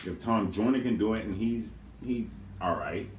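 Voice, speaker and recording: A man's voice: fairly low pitch, moderate pace. A man co-hosting a casual question-and-answer video with his twin, speaking earnestly and with emphasis. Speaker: co-host twin. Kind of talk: casual Q&A chat. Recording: echoey room with faint noise.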